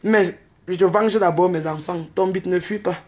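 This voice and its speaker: A woman, telling a story in a casual vlog, excitable and full of exclamations, acting out what others said. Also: fairly low pitch, normal speed. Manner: excitable, exclamatory, quotes others in acted voices. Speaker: vlogger.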